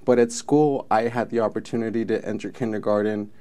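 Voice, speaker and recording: As a guest in an interview, a film commission president gives earnest, reflective answers. He is a Mexican man in his thirties whose native language is Spanish, and his dark voice sits on the low side, brisk and fairly even in intonation.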